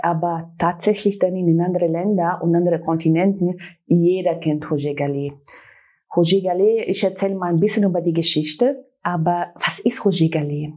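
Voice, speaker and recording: A Brazilian brand manager, a native Portuguese speaker with a Brazilian accent, talks enthusiastically as a talk show guest, using many fillers. Her voice is lowish, darkish, and husky.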